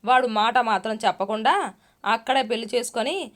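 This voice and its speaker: A woman voicing a loud, shrewish middle-aged mother who scolds and curses harshly, in a read-aloud story. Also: a little high, normal speed, close to an everyday voice. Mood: scolding. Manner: harsh, cursing, shouting.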